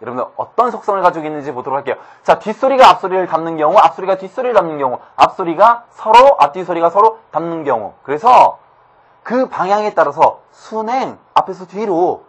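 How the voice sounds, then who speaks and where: A man teaching a grammar lesson briskly, often asking his students quick rhetorical questions. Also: high voice, lively intonation, slightly rough, highs cut off. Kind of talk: online grammar lecture.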